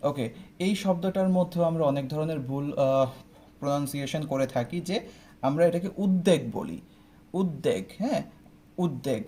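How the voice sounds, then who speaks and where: A man's voice: a little high, a little mellow, slight background noise. A young man teaching pronunciation rules step by step, often checking in with his students. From Bangladesh. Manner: explains step by step, often asking "ঠিক আছে?". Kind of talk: online admission-test pronunciation lesson.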